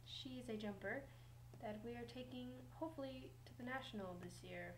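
A woman's voice: a little high, moderate pace, a little hiss or hum, close to an everyday voice, low-quality recording. A teenage girl voicing the man who owns the stable in a doll video, speaking in a matter-of-fact way. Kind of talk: doll video role-play.

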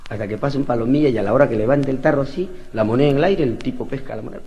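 A man telling street jokes in lively, slangy stand-up style, swinging his voice up and down. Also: mid-range voice, racing. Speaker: comedian.

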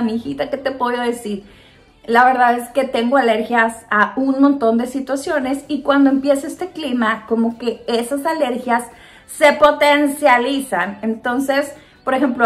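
A Mexican woman answering viewer questions in a casual chat to camera, animated and laughing often. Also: a little high. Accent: Mexican Spanish. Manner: chatty and animated, acts out voices in quotes.

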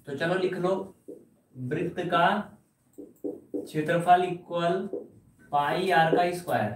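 Hindi maths teacher in an echoey room. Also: male voice, fairly high pitch, recorded from a distance. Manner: teasing, addresses students as children, coaxing answers. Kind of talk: live online maths class. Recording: roomy echo, voice from off the mic.

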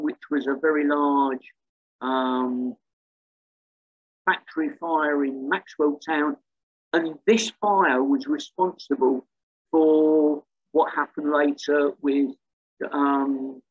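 A man's voice: on the high side, slightly rough, narrow, tinny audio. A man giving a slide lecture on local history, hesitant, with many ums and restarts. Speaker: museum talk speaker.

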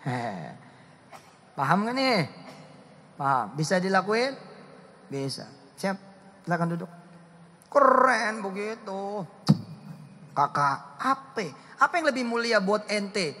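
A man preaching a lively sermon, swinging from loud bursts to hushed asides as he talks with his audience. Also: high-pitched, measured pace, pauses often. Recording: hall reverb.

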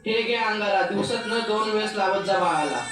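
A young woman voicing a scheming male village sorcerer in an amateur radio drama, speaking in deep, slow, menacing pronouncements. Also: noisy background, natural voice. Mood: ominous. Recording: roomy and distant, music beneath.

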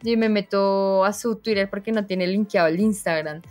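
A young woman, a streamer being interviewed, telling stories in a casual, animated way and acting out her own reactions. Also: medium pitch, normal speed, faint music behind. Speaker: streamer guest.

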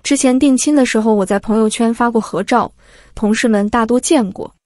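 A woman voicing a hesitant young female coworker speaking quietly aside. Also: on the high side, brisk, no echo, clean studio sound, natural voice.

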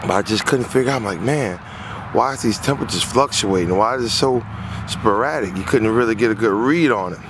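A man's voice: lowish voice, brisk, background noise. Man rambling through an HVAC job story. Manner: rambling, repeats himself while recounting a job. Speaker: HVAC technician. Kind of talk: casual explainer walkthrough. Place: outdoors on a lawn.

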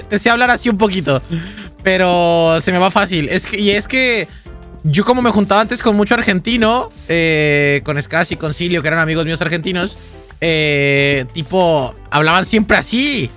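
A young man giving chatty, excitable gameplay commentary to his viewers. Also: sits high. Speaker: gaming youtuber.

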